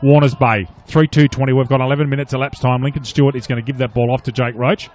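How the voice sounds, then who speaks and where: An Australian man commentates a football match live from an outdoor ground. He calls the play in short, clipped phrases with animated delivery. His voice sits at a middling pitch. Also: fast talker. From Australia, regional New South Wales. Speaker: sports commentator. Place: outdoor commentary box at a suburban football oval.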